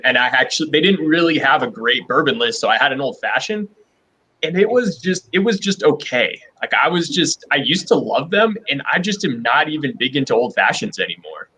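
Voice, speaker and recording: A man's voice: mid-range voice, pushed and bright, breathy edge, poor audio. A man hosting a casual livestream chat, talking in an informal, folksy way. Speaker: host of a bourbon blind-tasting livestream.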